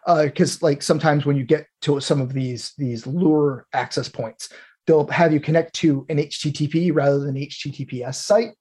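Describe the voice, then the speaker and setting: Husky, higher-pitched man explaining tech. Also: fairly even intonation, moderate pace, darkish tone. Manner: explanatory, informal, thinks aloud. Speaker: podcast host explaining technical topics. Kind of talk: conversational technical explanation.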